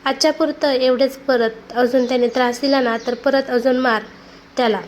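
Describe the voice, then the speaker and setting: A woman voicing an easygoing young male college student who talks in a relaxed, joking way. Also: high-pitched, normal speed, a little hiss or hum, lightly acted.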